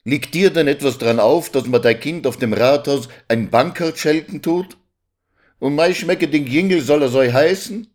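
A man voicing a distraught village mother, lamenting, high raised voice, insistent. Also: normal speed, natural voice. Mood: defiant.

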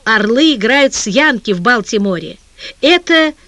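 An audiobook reader voicing a charming male sports editor who speaks softly and coaxingly. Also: medium pitch, lively intonation, normal speed, no echo. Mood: friendly. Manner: soft-spoken and coaxing. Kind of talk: audiobook character reading.

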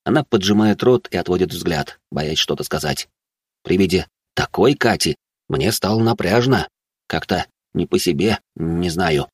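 A man narrating a first-person fantasy audiobook in a low-key, wry way. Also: animated, a little slow, husky, dry recording, clean studio sound.

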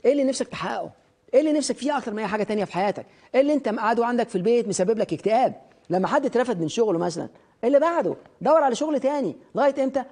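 A man's voice: extremely high pitch, expressive, rapid-fire, darkish tone. A man with an Egyptian Arabic accent giving a motivational lecture, emphatic and direct, hammering points home by repeating phrases and firing questions at the listener. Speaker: motivational speaker.

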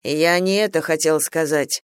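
Narrator doing a stern young general, firm and exasperated, dry close audiobook sound. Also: male voice, a little high, fairly even intonation, unhurried, smooth, no echo, natural voice.

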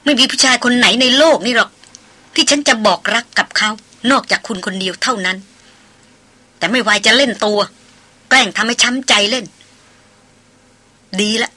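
A woman's voice: medium pitch, a little fast, pauses often, pushed and bright, husky. A woman reading a novel aloud, voicing a passionate, proud young upper-class heiress. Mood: impassioned. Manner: emotional, pleading then defiant.

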